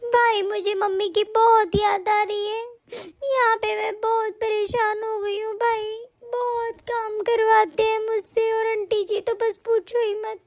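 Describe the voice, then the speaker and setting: A woman voicing a mistreated orphaned young woman in an animated family story, tearful and pleading. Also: very high voice, unhurried.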